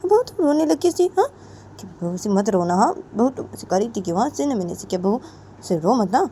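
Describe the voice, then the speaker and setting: A woman's voice: medium pitch, very animated, fairly quick, dark tone, a little hiss or hum, pitched above the performer's own voice, natural voice. A woman voicing a stern middle-aged mother-in-law who scolds and repeats her commands. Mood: coaxing. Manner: bossy, repeats threats and commands.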